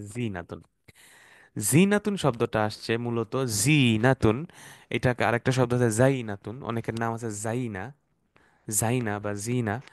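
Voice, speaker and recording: A man's voice: lowish voice, no echo, clean studio sound. Patient male Arabic teacher. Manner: patient, repeats words slowly, mixes English terms. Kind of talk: explanatory online class.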